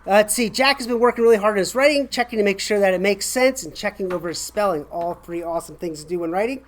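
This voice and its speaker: A man's voice: high-pitched, fast, a little hiss or hum. An American man in his forties giving casual, enthusiastic school announcements to a camera in a classroom, chatty and encouraging. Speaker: school staff host of morning announcements. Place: small classroom, indoors.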